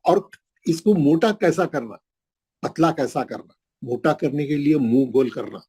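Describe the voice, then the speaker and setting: A middle-aged man teaching Quran pronunciation in an online class, patiently repeating each sound slowly for his pupils. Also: fairly high pitch, lively intonation, darkish tone, slightly rough, low-quality recording. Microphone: video call.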